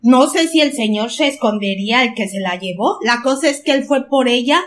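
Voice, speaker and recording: An older woman with a Mexican accent, telling a story at an unhurried pace in a casual podcast chat and repeating words for emphasis. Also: on the high side, lively intonation.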